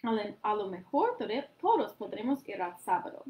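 A woman voicing a busy, kindly aunt gently putting the children off. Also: mid-range voice, sing-song, normal speed, natural voice.

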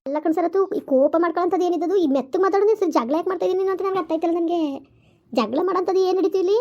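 A woman's voice: very high-pitched, mellow. A woman playing an indignant young wife. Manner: rapid, complaining, indignant. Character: young wife fighting with husband over mothers. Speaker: wife in a family skit. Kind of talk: village comedy skit acting. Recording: slightly dull lo-fi recording.

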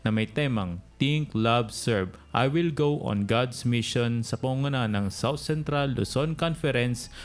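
A man narrating a news report in a steady voice-over. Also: mid-range voice, measured pace.

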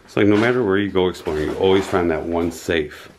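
A man in his thirties exploring an abandoned basement, making relaxed, impressed remarks from a distance. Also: low-pitched, fast, a little hiss or hum. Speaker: filming companion. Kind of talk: casual exploring chat.

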